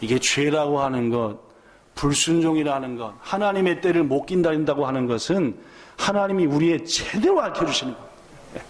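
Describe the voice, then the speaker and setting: High-voiced male pastor quizzing his flock. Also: brisk, reverberant. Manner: lively, questioning the congregation and acting out quotes. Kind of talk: sermon. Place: church sanctuary.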